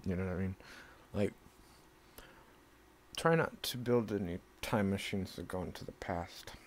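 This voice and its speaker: This man from Southern California sits low in pitch and takes his time, his voice gravelly as he rambles defensively in a monologue, swearing and occasionally bursting out loudly.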